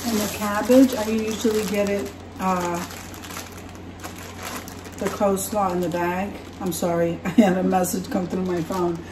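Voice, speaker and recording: A woman's voice: mid-range voice, a little slow, noisy background. A woman chatting casually as she unpacks and shows her groceries in her home kitchen. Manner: chatty, relaxed, self-correcting. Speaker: vlogger. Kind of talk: casual grocery haul chat. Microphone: camera across the counter. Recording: echoey kitchen, camera from far off.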